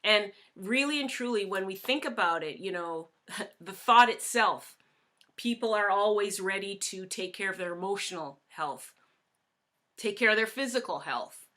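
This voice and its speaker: A woman's voice: mid-range voice, lively intonation, moderate pace, bright, forceful tone. A woman hosting a live online arts show, talking in an upbeat, encouraging way. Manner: upbeat, encouraging, with light laughs. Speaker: host. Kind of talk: live stream introduction.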